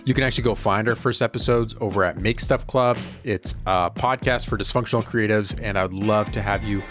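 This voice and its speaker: Vlogger, male, 30s, low voice, relaxed upbeat voice-over, music bed behind. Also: a little fast. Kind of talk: casual voice-over narration.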